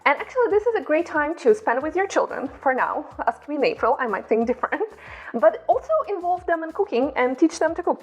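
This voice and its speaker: A cooking channel host with a Ukrainian accent chats upbeat to the camera from her home kitchen, walking viewers through her cooking staples. Her voice is high with slightly non-native phrasing, and the recording sounds a bit dull and lo-fi.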